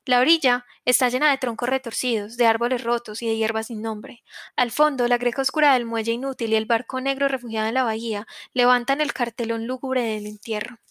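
A woman narrating a literary story in a measured, solemn reading voice. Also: on the high side, a bit bright, dry recording, studio quality.

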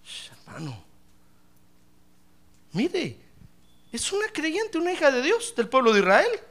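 A male pastor preaches with emphasis and keeps calling out to his listeners. His voice is high and bright, with a gravelly edge and wide swings in pitch. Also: huge pitch swings, slow pace. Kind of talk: sermon.

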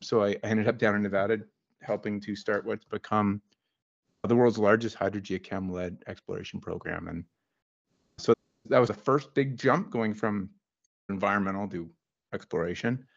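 Male guest, lowish voice, relaxed and wry, lo-fi call audio. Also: normal speed, gravelly. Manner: relaxed and wry, with frequent fillers. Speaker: guest geologist consultant. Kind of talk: casual interview storytelling.

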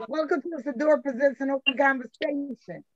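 A woman's voice: high-pitched, fairly quick, a bit bright, dry recording. A woman co-hosting a talk show over a video call, her voice muffled as if heard through a wall, repeating her greetings at an easy pace. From Philadelphia. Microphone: video call mic, covered or set too far. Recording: dull muffled lo-fi call audio with faint hiss.

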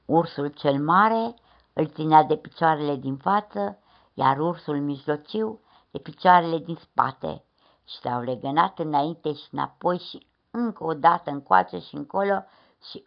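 A woman reading a children's fairy tale aloud, expressive, stretching words slowly and dropping into hushed asides. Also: low-pitched, gravelly. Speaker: storyteller. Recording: dull lo-fi recording.

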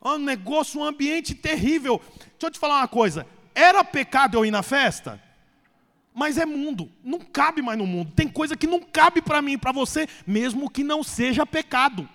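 A man's voice: extremely high pitch, expressive, normal speed, vocal fry, bright, forceful tone, in a large hall. A man with a Brazilian Portuguese accent, preaching a sermon as a pastor, chatty and joking, then rising to emphatic preaching. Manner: conversational, joking storyteller who rises to emphatic preaching. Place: church.

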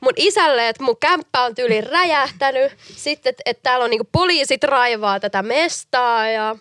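A woman's voice: sits high, no room sound. A woman co-hosting a podcast in a studio, chatting casually and giggling often. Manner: giggly, fast, excitable. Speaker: podcast co-host. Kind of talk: casual chat.

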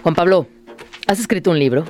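A woman's voice: fairly low pitch, a little fast, loud music behind the voice. Playful Mexican woman radio host. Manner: playful, laughs easily, bantering. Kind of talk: casual radio chat.

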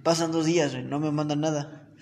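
A young man with a Mexican accent, telling a story in an animated, slangy, self-mocking way. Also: fairly high pitch, fast talker, vocal fry, in a large hall. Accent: Mexican Spanish. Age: young adult. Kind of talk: casual storytelling chat.

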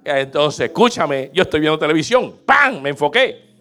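A man pastor preaching a sermon, telling a homey story and building up to fervent shouting. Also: a little high, moderate pace. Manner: animated storytelling, rising to shouts.

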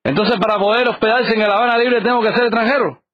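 A man's voice: sits high, steady tone, fast talker, dry recording. A man with a Cuban accent calling on the phone, arguing insistently. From Cuba. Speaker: caller. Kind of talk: recorded phone call. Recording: lo-fi phone call recording.

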